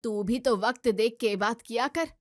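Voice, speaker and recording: A woman voicing a stern, sharp-tongued middle-aged mother-in-law who scolds curtly and takes her son's side. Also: on the high side, moderate pace, no echo, studio quality, pitched below the performer's own voice, natural voice. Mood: dismissive. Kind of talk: storybook voice acting.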